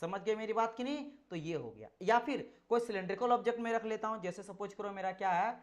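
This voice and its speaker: A man's voice: high-pitched, lively intonation, quick pace. A man teaching an engineering exam class. He repeats his points, mixes English technical terms into his explanations and keeps asking whether the students have understood. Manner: repetitive, checks understanding with rhetorical questions; demonstrates with objects at hand. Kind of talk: classroom lecture.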